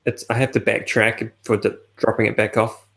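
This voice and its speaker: A man's voice: lowish voice, level tone, moderate pace, gravelly, a bit bright. A man co-hosting a casual podcast, talking in a hesitant, matter-of-fact way with many fillers. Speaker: podcast co-host. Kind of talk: casual chat.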